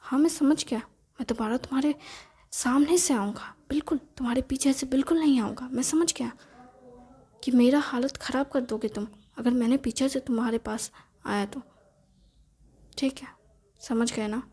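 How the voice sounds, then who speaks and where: Storybook sidekick, a nosy young man who wheedles and needles his friend, voiced by a woman with a high voice. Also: normal speed, long pauses, warm tone, husky. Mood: hushed meek.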